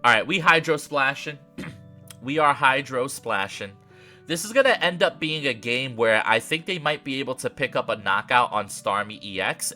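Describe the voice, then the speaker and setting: Stuffed-up nasal young guy narrating his card game, bouncy pitch, bright tone, lots of ums, faint music behind. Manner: chatty, frequent "um" and throat clearing. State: congested, nasal from allergies. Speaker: gaming creator. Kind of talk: casual gameplay commentary.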